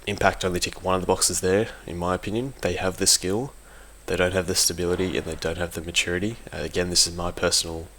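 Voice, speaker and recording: Speaking quickly with hardly any pauses, a man on a competitive gaming team gives casual, unscripted opinions for an audio log. His low voice stays fairly monotone yet carries a bright, forward edge. He's informal and hesitant, reworking his words over some background noise.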